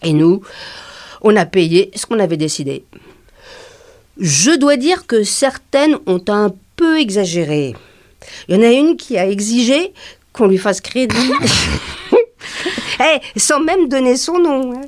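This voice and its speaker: A woman playing an excitable, gleeful working-class woman. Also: on the high side, slow, pauses often, dry recording, studio quality. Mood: excited. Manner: animated, breathless gossiping, acts out every voice. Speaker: storyteller recounting to a friend. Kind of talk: stage play acting.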